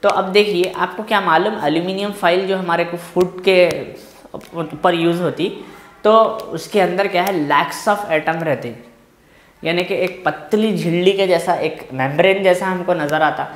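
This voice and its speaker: Reading slowly from the physics textbook and then explaining rapidly in mixed Hindi and English, this man speaks with an Indian English accent. His voice is high and steady, echoing around a classroom with a board.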